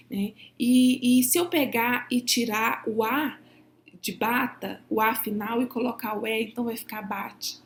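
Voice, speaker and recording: A woman's voice: on the high side, creaky. A woman lecturer with a Brazilian Portuguese accent, giving an explanatory distance-learning lecture and often closing points with a tag question. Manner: pronounces example syllables and words slowly. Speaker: university lecturer.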